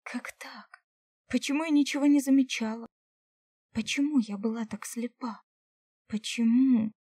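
A woman's voice: a little high, steady tone, a little slow, dark tone, no room sound. A woman narrating a first-person audiobook in an emotional way, at times dropping to a whisper.

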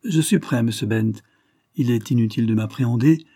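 A man reading a calm, proud young gentleman. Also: medium pitch, dry recording, studio quality, lightly acted. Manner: calm, measured, dignified. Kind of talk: audiobook reading.

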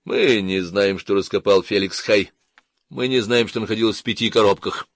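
A man's voice: lowish voice, moderate pace, no echo, close to an everyday voice. A man voicing a grumbling old detective. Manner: grumbling, thoughtful. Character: gruff elderly male detective, grumbling.

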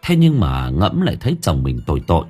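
A man narrating a spooky village story dramatically, dropping to hushed lines and rising again. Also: wildly swooping pitch, a little fast, slightly rough, soft background music. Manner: dramatic, swinging between hushed low lines and raised ones. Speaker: audiobook narrator.

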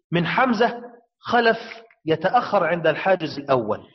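A man teaching a lesson on the variant readings of the Quran, explaining step by step, asking and answering his own questions and chanting verse examples slowly. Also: a little high, dull audio.

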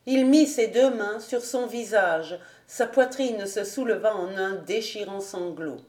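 Slow-reading woman audiobook narrator. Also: medium pitch, darkish tone. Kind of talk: scripted narration. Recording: roomy echo.

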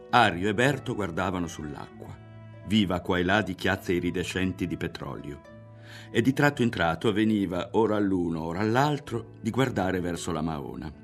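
Deep-voiced man reading a novel. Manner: measured, expressive reading. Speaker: audiobook reader. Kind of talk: literary narration.

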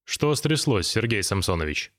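A man's voice: on the low side, big pitch swings, normal speed, a bit bright. A man voicing a polite, anxious younger employee who is easily flustered in an audiobook reading. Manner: polite, anxious, taken aback.

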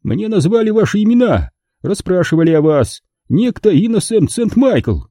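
A man's voice: high voice, very animated, normal speed, dark tone, no echo, clean studio sound, voice pushed up. A man voicing a nervous, bewildered male curator.

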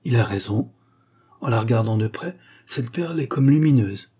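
A man's voice: mid-range voice, expressive, warm tone, slightly rough. A man voicing a timid, poor young clerk who speaks tenderly and hesitantly. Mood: timid, wistful. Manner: timid, halting.

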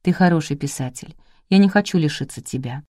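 A woman reading the part of a gruff, commanding male publisher boss in an audiobook, blunt and bossy. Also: on the high side, fairly quick, a little mellow, dry recording, clean studio sound, natural voice. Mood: brusque.

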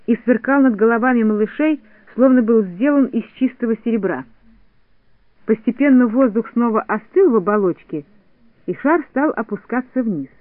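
A man narrating a children's storybook in a clear, even storytelling manner. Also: sits high, dry recording, phone-quality sound. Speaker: audiobook narrator.

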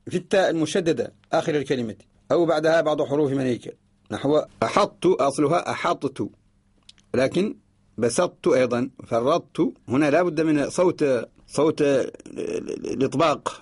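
A man from Mauritania giving a radio lesson, explaining slowly and repeating each example before chanting short verses. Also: a little high, husky. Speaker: teacher of Quran orthography. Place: radio studio.

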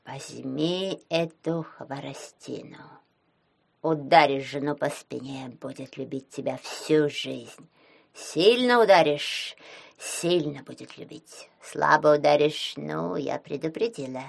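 A woman voicing a lazy, bossy magical female pike with a slow, condescending drawl. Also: deep voice, vocal fry, pitched below the performer's own voice, full character voice. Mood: commanding.

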